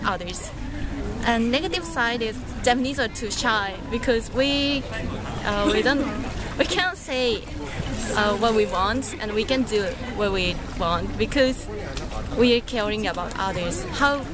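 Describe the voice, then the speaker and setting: A woman's voice: a little high, lively intonation, unhurried. Hesitant young woman, light voice. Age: young adult. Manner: hesitant, many fillers. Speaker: student. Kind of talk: casual vlog talk. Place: outdoor foot bath in a park.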